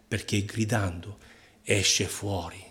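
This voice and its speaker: A man preaching a sermon to his congregation, emphatic, with repeated rhetorical questions and swings between loud and hushed delivery. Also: on the low side, fairly even intonation, takes it slowly.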